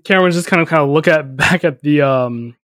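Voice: medium pitch, brisk, a bit bright, no room sound, studio quality. A game master narrating a tabletop role-playing game, describing scenes with small asides and laughs.

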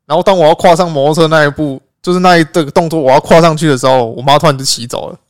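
A man's voice: a little high, rapid-fire, no room sound, studio quality. A man with a Taiwanese Mandarin accent, co-hosting a casual chat show, telling stories with frequent laughs and casual swearing. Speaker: podcast co-host.

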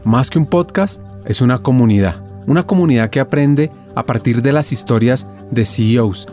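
A man's voice: medium pitch, normal speed, a little mellow, faint music behind. A man reading a polished scripted introduction for a podcast. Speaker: podcast announcer.

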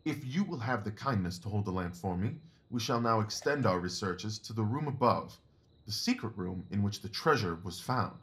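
A man voices a self-assured, keen Victorian detective in an audio drama, sounding eager. His voice runs a little low and slightly bright, with lively intonation, and he speaks in a precise, deliberate way.

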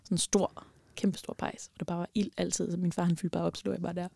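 Woman, gravelly voice, animated storytelling, swings loud to whispered, dry close mic. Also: lowish voice, no echo. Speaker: guest telling a personal story. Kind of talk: casual podcast chat.

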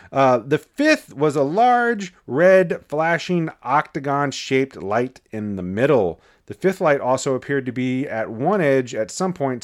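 Casual, swearing male podcast host. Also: mid-range voice. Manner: loose and conversational, with frequent fillers and swearing.

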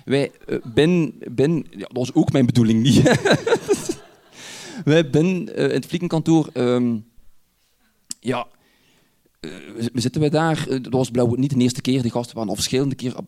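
A man with a Flemish accent, telling a personal anecdote in an animated way and chuckling often as he goes. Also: medium pitch, moderate pace, long pauses.

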